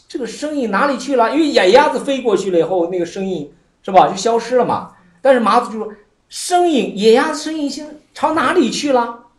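A Buddhist teacher with a mid-range voice gives a Chan dharma talk in an echoey space. He recounts an old koan as a story, laughs frequently, and relies heavily on fillers.

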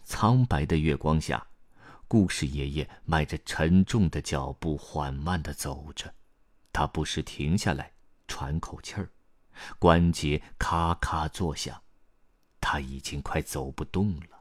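A man narrating a children's storybook in an expressive way. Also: extremely low pitch, no room sound, studio quality. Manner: slow, expressive reading.

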